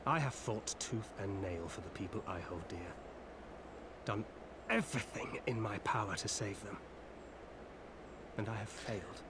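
An actor playing a stern, weary warrior who speaks curtly in a game cutscene. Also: male voice, lowish voice, slow, long pauses, background noise. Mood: grim. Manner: curt, firm delivery. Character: stern, weary warrior man, blunt and grim.

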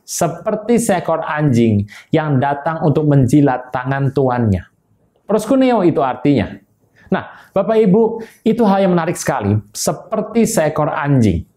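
Male preacher, higher-pitched, emphatic direct address to the audience. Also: a little mellow. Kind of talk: online sermon teaching.

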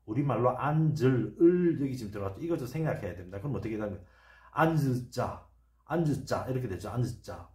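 A man giving a lecture over slides, who slowly sounds out words and repeats each one several times. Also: mid-range voice, expressive, darkish tone, reverberant. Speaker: channel host explaining words.

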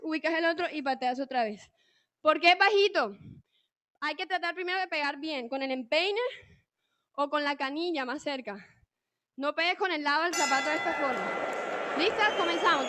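High-pitched energetic woman fitness coach. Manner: energetic, encouraging, calling out counts and cues. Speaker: fitboxing instructor. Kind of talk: live online workout coaching.

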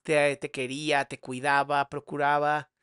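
A man hosting an interview as a therapist, calmly asking empathetic questions. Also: a little high, measured pace, smooth. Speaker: host, therapist.

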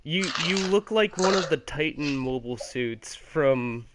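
Nerdy young gamer from Missouri. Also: male voice, fairly high pitch, lively intonation, measured pace, over a noisy crowd. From Missouri, USA. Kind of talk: casual gaming chat over voice call.

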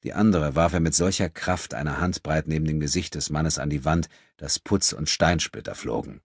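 A man with a very low, husky voice reads an audiobook in a steady, measured way. The sound is dry and close, with no room around it. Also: no room sound. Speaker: audiobook narrator. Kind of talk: scripted narration.

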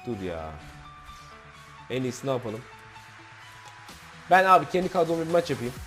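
A man commentating his own football video game, frustrated, shouting and swearing at his players. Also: medium pitch, sing-song, moderate pace, over music. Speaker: gaming YouTuber.

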